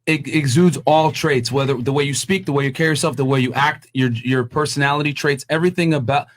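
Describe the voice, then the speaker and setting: A man's voice: medium pitch, fast. A young man from Connecticut, hosting an opinionated panel debate and speaking in a blunt, assertive, emphatic way.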